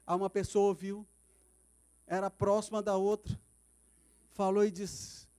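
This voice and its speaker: A man's voice: high voice, little pitch movement, a little slow, dark tone, clear, resonant tone. A man with a Brazilian Portuguese accent, preaching a sermon as pastor at a church service, telling stories dramatically. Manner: dramatic storytelling, acting out quoted voices.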